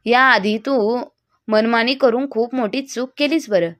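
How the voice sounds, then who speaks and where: A woman's voice: a little high, measured pace, no echo, clean studio sound, natural voice. Woman playing a proud, hot-tempered young husband. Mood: irritated. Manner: blunt and irritated.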